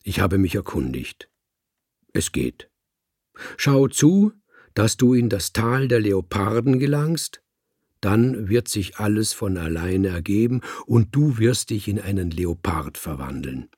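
A man's voice: on the low side, sing-song, takes it slowly, a little mellow, breathy edge, no room sound, studio quality, full character voice. A man voicing an old, wise tomcat in the afterlife, talking in a musing, philosophical way in an audiobook. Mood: assuring. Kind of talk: audiobook reading.

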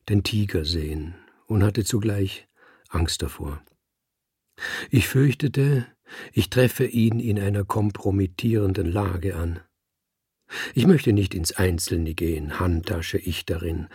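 Male audiobook narrator: low, gravelly voice, unhurried first-person storytelling. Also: a little mellow, dry recording, clean studio sound. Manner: measured, reflective storytelling.

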